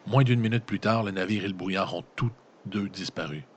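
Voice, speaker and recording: Here a gamebook reader and player with a Quebec French accent narrates aloud, interrupting himself for casual, slangy joking asides. His voice is lowish and a little fast, with slight background noise.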